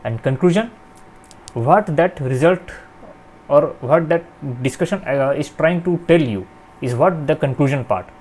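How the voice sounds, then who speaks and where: Young male tutor, slightly higher voice, filler-heavy step-by-step delivery. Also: expressive, a little slow, a little mellow. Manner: frequent "okay" and "uh" fillers, explains step by step. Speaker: channel host teaching research writing. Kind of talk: explanatory lesson.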